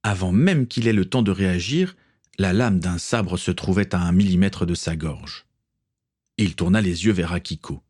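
A man narrating a storybook reading in an expressive storytelling manner. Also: sits low.

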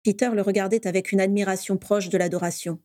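A woman reads a story aloud in a steady storytelling manner. Her voice is mellow and warm at a middle pitch. The recording is dry and close. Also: fast, dry recording. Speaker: reader.

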